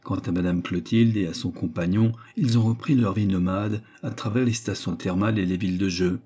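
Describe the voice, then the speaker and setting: A man narrating a classic novel at a steady, measured pace. His voice sits a little low and sounds dark and mellow, with a husky grain. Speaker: audiobook narrator.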